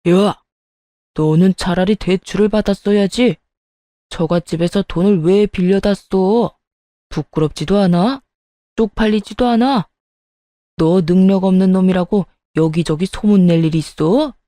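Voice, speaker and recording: Stubborn older father-in-law voiced by a woman, gruff and blustering, pitched lower and louder than her narration, mellow tone. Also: fairly even intonation, a little slow, dry recording, clean studio sound, lightly acted. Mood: angry scolding.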